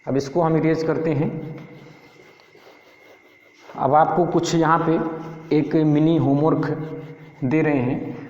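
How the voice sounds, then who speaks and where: A male teacher walks through a grammar lesson, posing questions and answering them himself. His voice sits a little high for a man. The recording is dull and lo-fi, with a long echo from the room. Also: fairly even intonation. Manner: slow, repetitive explaining. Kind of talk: Hindi-medium English grammar lesson. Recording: echoey room, dull lo-fi sound.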